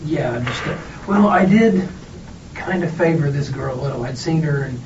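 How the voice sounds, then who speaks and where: A man's voice: on the high side, normal speed. A man being questioned as a suspect, answering in a jittery, hesitant way with many false starts, on a muffled, noisy interview recording. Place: echoey interview room, far mic. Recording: muffled, noisy, echoey police room recording, distant mic.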